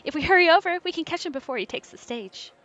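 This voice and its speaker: A woman's voice: very high voice, expressive, quick pace, lo-fi sound, voice pushed up. A woman voicing an eager, cheerful young female reporter who is always chasing an interview. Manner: bright and eager.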